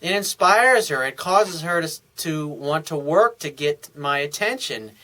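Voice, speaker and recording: A man's voice: fairly high pitch, animated, a little slow, pushed and bright. A man coaching on dating in a loose, conversational monologue full of fillers and restarts, sounding tired. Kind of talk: casual advice monologue.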